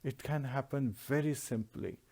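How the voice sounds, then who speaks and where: A man's voice: mid-range voice, moderate pace, a little mellow. A man giving a devotional scripture class, explaining Sanskrit verses word by word in earnest preaching tones. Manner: earnest preaching with repeated lists.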